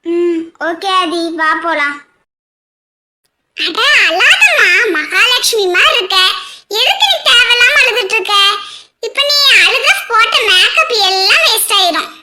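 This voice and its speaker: Very high bright cartoon voice. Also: female voice, big pitch swings, measured pace, pauses often. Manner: switches between weepy and teasing family voices. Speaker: cartoon narrator voicing every character. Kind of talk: cartoon family drama voice acting.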